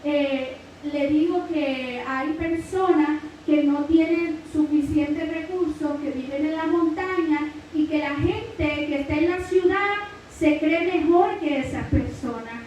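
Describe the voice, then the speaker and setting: High-voiced Mexican woman preaching in an echoey church. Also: slow pace, few pauses, a little mellow. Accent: Mexican Spanish, Guerrero. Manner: punctuates with "amen" and praise phrases, addresses listeners as brother. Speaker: church Bible lesson teacher. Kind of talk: preached Bible lesson. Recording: very echoey hall, mic at a distance, faint hiss.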